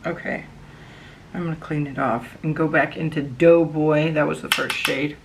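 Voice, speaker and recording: A woman's voice: low-pitched, fairly even intonation, normal speed, gravelly, background noise. A woman chatting casually through a makeup tutorial, chewing gum as she talks and often trailing off into a murmur. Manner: chewing gum while talking. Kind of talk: casual chat while applying makeup.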